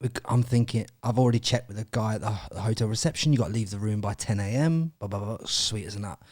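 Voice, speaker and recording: A man's voice: lowish voice, fast talker, darkish tone, no room sound, studio quality. Laughing, sweary young man. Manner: swearing, laughing often, quoting himself. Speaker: podcast guest. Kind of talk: casual storytelling.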